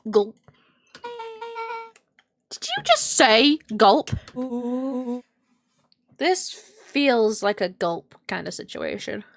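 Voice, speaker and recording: A woman's voice: a little high, very slow, creaky, pauses often, slight background noise. A woman streaming a game, reading character lines and making joking, swearing asides. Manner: animated, swears, jokey asides. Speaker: streamer playing and reading dialogue.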